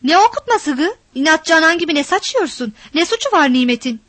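A woman's voice: extremely high pitch, very animated, brisk, no room sound, pitched above the performer's own voice, heavily acted. A woman voicing a raging, cursing village father. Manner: shouting, cursing, threatening. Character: harsh, violent middle-aged village father.

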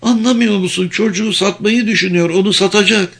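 A man voicing a desperate, hostile young woman captive with a thin, trembling voice, shrill and pleading. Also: steady tone, normal speed, a bit bright. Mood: frantic.

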